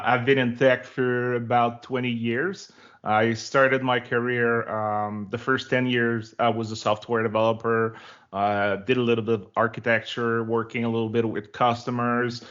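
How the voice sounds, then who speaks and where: A Québécois man in his forties, a native French speaker with a local accent, chats as a guest on a casual interview. His medium-pitched voice has a fairly bright tone, and he's friendly and talkative, using lots of fillers. The audio is lo-fi, like an online call.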